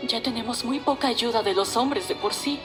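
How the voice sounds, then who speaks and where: A woman's voice: on the high side, normal speed, over music, natural voice. An actress voicing a worried middle-aged village mother talking about unpaid taxes in an anime dub. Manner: worried, explaining hardships.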